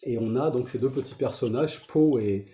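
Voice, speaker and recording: A man's voice: medium pitch, moderate pace, warm tone. A man teaching meditation, talking informally to his group in front of a camera, hesitant with many fillers and restarts. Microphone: facing a camera. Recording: roomy echo.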